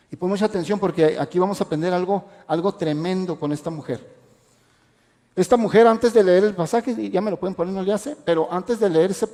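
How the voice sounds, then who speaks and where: A man's voice: high voice, dark tone. A man, preaching a radio sermon as pastor with passionate rhetorical questions. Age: adult parent. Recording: echoey hall reverb.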